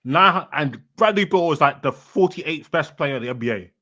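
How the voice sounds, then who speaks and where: A young man co-hosting a football podcast in casual, excitable chat, often laughing and talking in quick bursts. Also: on the high side, highs cut off. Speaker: podcast co-host.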